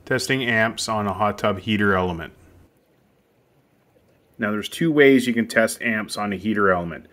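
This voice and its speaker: Recorded outside next to a hot tub equipment bay, a man with a lowish, slightly bright voice explains step by step how to test the heater as he works with his hands. He talks at a moderate pace, pausing often, and keeps the instructions casual, plain and practical.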